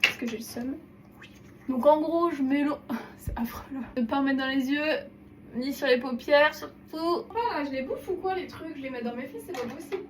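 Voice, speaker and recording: A woman's voice: high voice, normal speed, slight background noise. A young woman chatting casually and playfully while doing her makeup, swearing now and then. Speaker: beauty vlogger. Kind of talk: casual get-ready-with-me chat.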